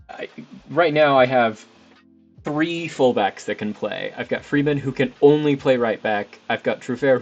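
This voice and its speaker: Chatting casually to the players in a football management game he's streaming, a young man rambles along in a mid-range, somewhat mellow voice. The audio is slightly dull, with background music.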